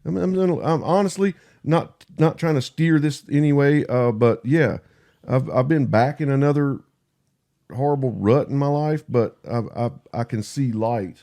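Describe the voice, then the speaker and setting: A man speaks in a country drawl at a middling pitch. His talk is casual and confessional, with halting repeats, self-deprecating remarks and loose swearing, like a guest on a relaxed podcast. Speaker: podcast guest and YouTube creator. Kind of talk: casual, candid conversation.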